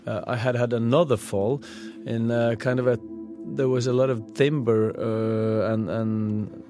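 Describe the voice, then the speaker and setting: A man from Norway with a Norwegian accent recounts his past in a hesitant, halting way, often searching for words. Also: medium pitch, fairly even intonation, warm tone, soft background music. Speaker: interviewee. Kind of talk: personal account.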